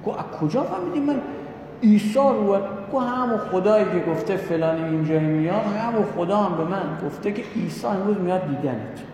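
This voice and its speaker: A man preaching a sermon, telling a religious story in an animated way and voicing the people in it. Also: high-pitched. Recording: echoey hall with long reverb, faint noise.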